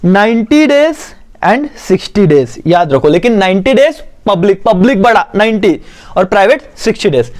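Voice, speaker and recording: A man teaching a commerce exam-prep lesson, who dictates slowly and then explains quickly. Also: high-pitched, sing-song, darkish tone.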